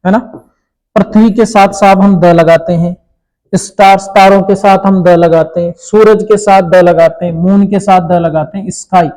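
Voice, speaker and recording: A man teaching an English grammar lesson to children, explaining slowly and checking in often. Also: high-pitched, steady tone, a little mellow, rough recording.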